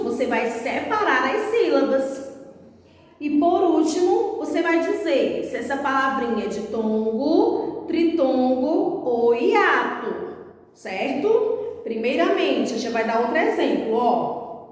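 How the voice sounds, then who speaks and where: A Brazilian woman teacher giving a slow, patient lesson to young children, breaking words into syllables. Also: high voice. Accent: Brazilian Portuguese. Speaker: primary school teacher. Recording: echoey room, voice from a distance.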